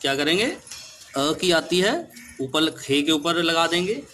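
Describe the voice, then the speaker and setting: Slow, bright-voiced male teacher. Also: a little high, expressive, a little hiss or hum. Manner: patient, spells words out letter by letter. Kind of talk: spelling lesson for children.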